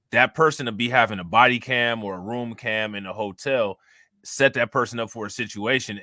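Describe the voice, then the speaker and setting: A man's voice: fairly low pitch, bright, forceful tone, no room sound, clean studio sound. A man co-hosting a casual stream, explaining things in slangy storytelling and laughing often. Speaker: co-host of a reaction stream. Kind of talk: casual chat reacting to a clip.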